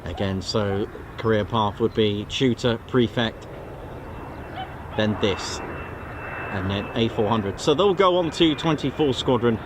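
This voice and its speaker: A man's voice: lowish voice, slow. An English man casually commenting and explaining aircraft on a livestream outdoors by an airfield, with fillers as he talks. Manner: chatty, explains aviation details with fillers. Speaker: plane-spotting livestream host. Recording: outdoor field recording with loud aircraft noise.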